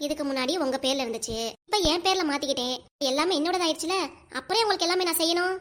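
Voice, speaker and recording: Cartoon wife, scheming and bossy; southern Tamil Nadu accent, high-pitched, fast, scornful. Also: female voice, fairly bright tone, slight background noise. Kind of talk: cartoon comedy sketch acting.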